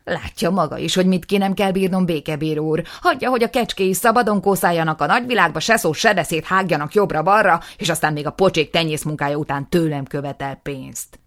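A smug older farmer who brushes off every accusation with sarcasm, as a woman reads him. The voice is low and gravelly, raised and scornful in this storybook reading. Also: darkish tone. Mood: dismissive. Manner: dismissive, sarcastic.

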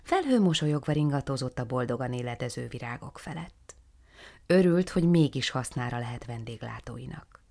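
A woman reading a children's storybook aloud in a soft, hushed, half-whispered manner. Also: extremely low pitch, animated, vocal fry. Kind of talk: storybook narration.

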